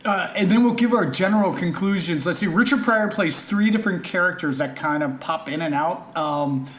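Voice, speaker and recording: High-voiced casual podcast host man. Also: moderate pace. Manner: relaxed, reads from notes. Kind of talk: casual chat.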